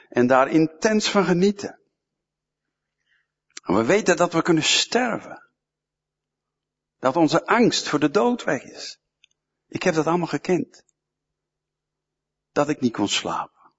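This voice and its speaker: A man's voice: a little high, slightly rough. A man preaching a sermon, emphatic and fond of repeating short phrases, in a church hall, with a dull, echoey sound.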